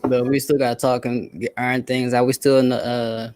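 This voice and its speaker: A man's voice: mid-range voice, little pitch movement, a little fast, darkish tone, no echo. Laid-back, slangy man in a dry, close sound. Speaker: guest on a livestream. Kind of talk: casual chat.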